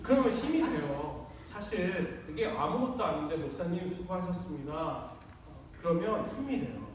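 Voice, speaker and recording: A man's voice: sits high, animated, normal speed, slight background noise. A man preaching a sermon as pastor, chatty and acting out quoted lines. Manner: conversational, acts out quoted lines. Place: church sanctuary. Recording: echoey church hall from far off.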